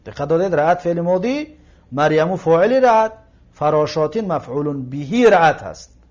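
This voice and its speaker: A man with a somewhat high voice gives a patient grammar lesson. He walks through a text word by word, translating, parsing and repeating phrases. The recording sounds dull and lo-fi. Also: animated, a little mellow. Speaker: Arabic teacher. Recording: lo-fi muffled recording.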